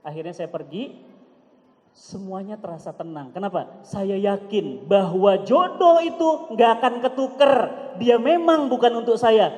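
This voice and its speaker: Animated preacher man in an echoey hall. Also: sits high, a little slow. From Medan, Indonesia. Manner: animated, acts out dialogue with big swings in loudness. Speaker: Islamic preacher. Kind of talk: storytelling sermon.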